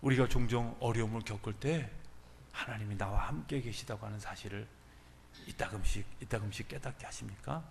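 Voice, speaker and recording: Korean pastor preaching in a reverberant church. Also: male voice, on the low side, a little fast, vocal fry, a little hiss or hum. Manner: swings from loud exhortation to soft near-whispers. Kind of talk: sermon. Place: church sanctuary. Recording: church hall with long reverb.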